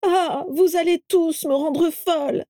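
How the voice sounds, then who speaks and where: Brief: shrill, whiny scheming wife, high and loud, put on by a woman reader; mellow tone. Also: normal speed, no room sound, clean studio sound, lightly acted. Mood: shrill outrage. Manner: whiny, high-strung, theatrical.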